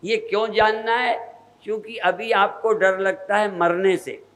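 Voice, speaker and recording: An older man, a spiritual teacher, preaching a sermon in a measured, repetitive cadence. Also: high voice, steady tone, fairly bright tone, rough recording.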